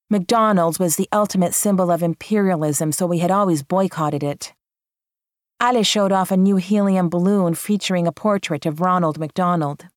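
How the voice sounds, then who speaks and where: A woman narrating a first-person memoir audiobook in a measured, even storytelling manner. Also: lowish voice, dry recording, clean studio sound.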